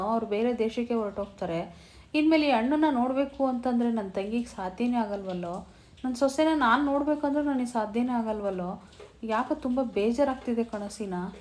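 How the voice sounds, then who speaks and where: A woman's voice: on the high side, darkish tone, lightly acted. A woman voicing a sorrowful middle-aged man who frets about losing his sister and niece. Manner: sorrowful, pleading. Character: grieving middle-aged man, a troubled elder brother.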